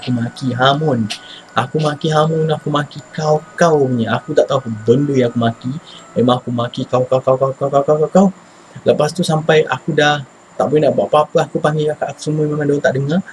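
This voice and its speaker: Malaysian man, casual ghost-story teller, fast and slangy, acts out his own shouts. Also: medium pitch, low-quality recording. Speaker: channel host telling a personal ghost story.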